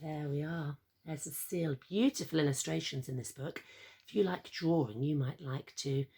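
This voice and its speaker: With a low-pitched, creaky voice and a breathy edge, a woman theatrically reads a picture book aloud to children. She is expressive, tossing in encouraging asides and questions to her young audience.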